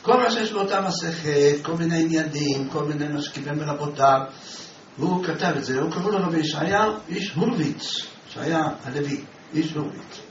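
A man's voice: on the high side, a little hiss or hum. A man teaching a religious class as a rabbi, telling a story and asking his listeners questions. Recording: echoey room, distant mic, dull sound.

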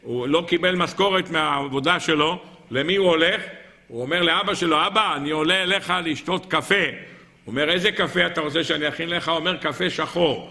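A man preaching a religious sermon, asking his listeners questions and chanting scripture verses slowly. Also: fairly high pitch, sharp tone. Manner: asks the audience questions and answers them, chants verses slowly. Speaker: rabbi giving a Torah lesson.

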